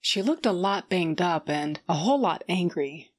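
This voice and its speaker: Her lowish voice is animated and moves at a normal speed as she voices a hard-edged fighter with a cybernetic eye. The narration is first-person, blunt, and full of profanity and dry wit, with a gruff, wry mood throughout.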